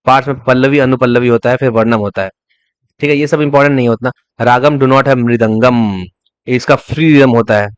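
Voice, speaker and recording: Man, exam revision teacher, rapid delivery, dry close recording, repeats terms for memory. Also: mid-range voice, steady tone, clear, resonant tone, no room sound. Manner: repeats key terms as memory tricks, asks and answers his own questions; breaks into short sung snatches to illustrate. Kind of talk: fast revision lecture.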